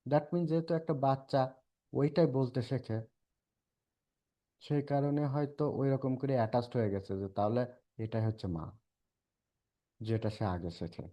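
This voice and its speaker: A man with a Bangladeshi Bengali accent talks through a recorded lecture in a warm, mellow voice of middle pitch. He mixes Bengali with English terms and turns slow and careful whenever he quotes in English. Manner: explains in Bengali mixed with English terms, slow over the English quotations. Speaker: English teacher.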